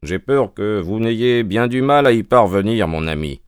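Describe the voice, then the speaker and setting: A man doing a languid detective in an audiobook, low-voiced and ironic. His delivery is dry and teasing, unhurried, with a lively rise and fall in pitch. The sound is close and dry. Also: clear, resonant tone, dry recording, natural voice. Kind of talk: audiobook character voice.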